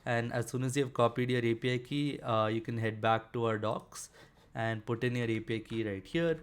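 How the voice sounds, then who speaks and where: A man talks through a software tutorial at an ordinary mid pitch. His delivery is relaxed and conversational, with lots of small fillers and restarts as he clicks through a demo. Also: moderate pace, clean tone. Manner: casual, filler-heavy explaining with frequent "uh" and "basically". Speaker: developer tutorial presenter. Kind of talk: screen-share coding tutorial.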